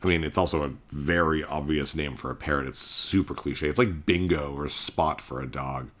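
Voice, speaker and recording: A man's voice: extremely low pitch, moderate pace, a bit bright. A man hosting a casual video game playthrough, chatting in a jokey, conversational way. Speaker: video game let's-play host.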